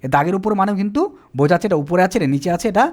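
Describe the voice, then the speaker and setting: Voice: medium pitch, very fast. A teacher giving a whiteboard lesson, explaining step by step, often asking questions and answering them himself. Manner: asks questions and answers them, repeats "ঠিক আছে?". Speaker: Quran reading teacher.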